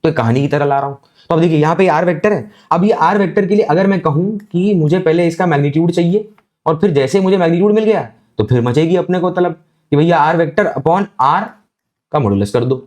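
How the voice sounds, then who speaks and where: Higher-pitched man teaching physics slowly. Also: a little mellow. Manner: slow, deliberate explaining with frequent check-ins. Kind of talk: whiteboard physics lecture.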